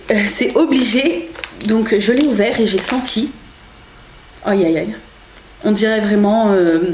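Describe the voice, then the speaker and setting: Young woman, higher voice, chatty home-vlog reviewer who hesitates and corrects herself; echoey room with faint hiss. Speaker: beauty box reviewer. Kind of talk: casual product review vlog.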